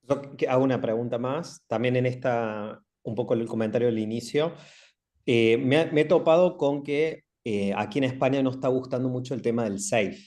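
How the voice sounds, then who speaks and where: A man in a webinar audience, asking a question hesitantly and filling pauses as he goes. His voice sits at a middling pitch. He speaks over a video call. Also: a little mellow. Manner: hesitant, with fillers.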